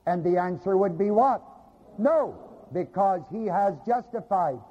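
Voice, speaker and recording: Slow, husky preacher in a reverberant hall. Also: male voice, high voice, lo-fi sound. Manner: asks the congregation fill-in questions; repeats "you bet your life". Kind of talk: sermon.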